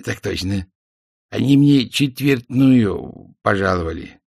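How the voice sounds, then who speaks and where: A man's voice: lowish voice, expressive, slow pace, creaky, darkish tone, slightly rough, no echo, clean studio sound, heavily acted. A man voicing an old doorman who answers with curt, soldierly replies in a radio-play style audiobook. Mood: dutiful. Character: old male doorman, stiff and dutiful.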